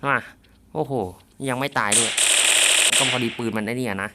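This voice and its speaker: A man giving playful, jokey commentary on a mobile zombie game, bursting into shouts and mock samurai lines. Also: medium pitch, fairly even intonation, moderate pace, heavy background noise.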